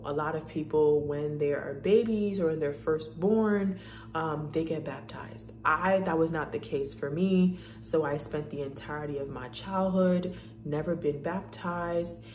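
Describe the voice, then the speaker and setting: Low-voiced young woman vlogging, echoey room. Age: young adult. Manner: animated, chatty storytelling. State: slightly sick. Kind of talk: casual chat.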